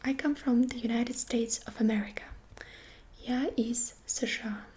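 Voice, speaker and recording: A woman giving a whispered ASMR lesson, speaking gently and softly and repeating each short phrase several times. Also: a little high, fairly even intonation, normal speed, slight background noise. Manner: gentle, soft-spoken. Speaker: ASMR creator teaching phrases.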